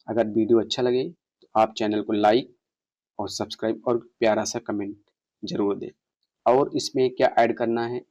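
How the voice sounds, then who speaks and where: A man teaching an online exam-prep lesson, reading passage lines slowly and explaining them, asking his students questions. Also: medium pitch, warm tone, muffled recording. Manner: reads English passages slowly, explains in Hindi, quizzes viewers. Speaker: English exam tutor.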